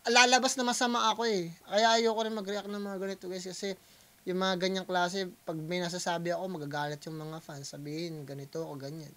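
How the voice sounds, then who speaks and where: A Filipino man hosting a reaction video, talking casually in mixed Tagalog and English, pausing often and calling out to his viewers. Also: sits high, little pitch movement, pushed and bright, a little hiss or hum. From Philippines. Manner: hesitant Taglish, keeps addressing viewers as guys.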